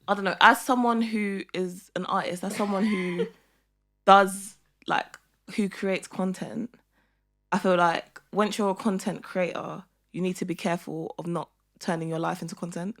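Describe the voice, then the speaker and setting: A woman's voice: lowish voice, fairly even intonation, normal speed, a bit bright. A young woman with a London accent chatting casually as a podcast guest, using roadman slang and delivery. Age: young adult. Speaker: podcast guest, content creator.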